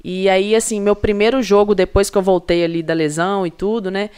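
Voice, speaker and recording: A young Brazilian woman, a professional athlete guesting on a podcast, telling lively stories and acting out what others said. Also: medium pitch, fairly quick, clear, resonant tone. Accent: Brazilian Portuguese. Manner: animated storyteller who acts out quoted lines. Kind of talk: casual podcast chat.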